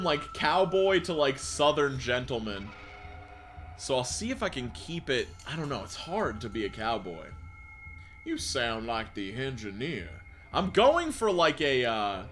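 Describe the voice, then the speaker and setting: A man reads creepy stories aloud on a live stream in a relaxed, profane way, stopping to chat with viewers. His pitch moves a lot and sounds animated. Quiet music plays faintly behind him. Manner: casual and profane, laughs and reacts between lines.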